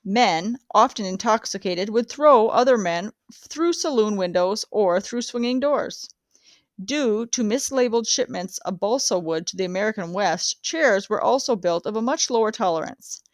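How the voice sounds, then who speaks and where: A woman reading a nonfiction book aloud in a clear, measured way, on a close mic. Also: mid-range voice, lively intonation, no echo. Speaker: audiobook reader.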